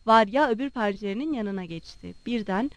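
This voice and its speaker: A woman narrating a literary audiobook in a calm, measured storytelling manner. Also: mid-range voice, no echo.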